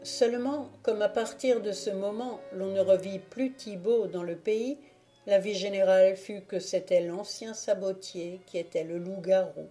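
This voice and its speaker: A woman reading a classic novel aloud as an audiobook, in a measured, dramatic way. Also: medium pitch, steady tone, dark tone, soft background music. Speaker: audiobook reader. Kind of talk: scripted audiobook narration.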